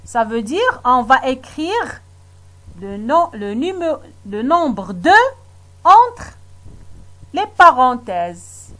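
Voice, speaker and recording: A woman leads a children's reading lesson, with a high voice that rises and falls a great deal. She speaks very slowly and patiently, asking questions and praising the class again and again. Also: very animated, fairly bright tone. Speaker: teacher.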